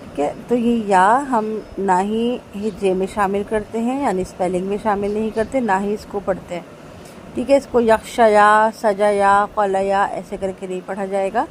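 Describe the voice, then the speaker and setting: Woman teaching tajweed, slow careful letter drills, keeps asking if you got it, bit of hiss behind. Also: medium pitch, steady tone, poor audio. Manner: patient, repeats each letter slowly and checks with "theek hai?". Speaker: Quran recitation teacher. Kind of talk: tajweed lesson, spelling out letters.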